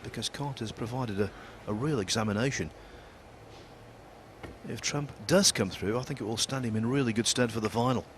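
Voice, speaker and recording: A man giving live snooker commentary in a measured, analytical way. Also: mid-range voice. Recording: crowd and noise behind the voice. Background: arena crowd ambience.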